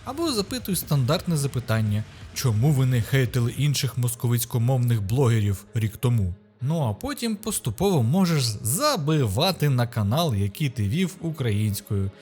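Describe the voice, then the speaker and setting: A man's voice: mid-range voice, very animated, normal speed, few pauses, darkish tone, faint music behind. A man with a Ukrainian accent hosting his channel, narrating a mock guide in a sarcastic, ironic tone. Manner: mocking, ironic. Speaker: YouTube host.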